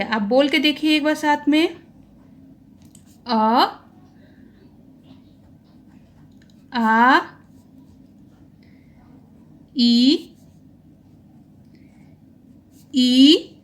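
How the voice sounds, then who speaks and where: Woman teacher, high voice, unhurried delivery, patient explanations, vowel sounds spoken aloud for practice. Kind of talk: grammar lesson for exam students.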